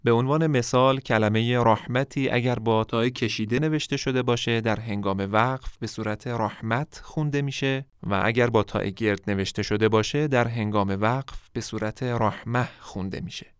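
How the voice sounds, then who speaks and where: Male lesson narrator, smooth and close, dead-dry sound, measured delivery that drags out example words. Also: mid-range voice, no echo. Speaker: Quran recitation teacher. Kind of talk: scripted instructional narration.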